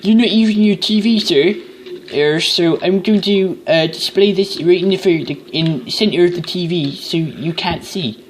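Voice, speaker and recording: Man playing a mocking formal type, fake accent, pitched up; noisy home capture. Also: normal speed, lightly acted.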